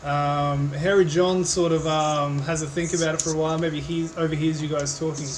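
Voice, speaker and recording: A man's voice: on the high side, level tone, fairly quick. A man narrating as game master of a tabletop game, talking casually and hesitantly with many fillers. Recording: noisy background.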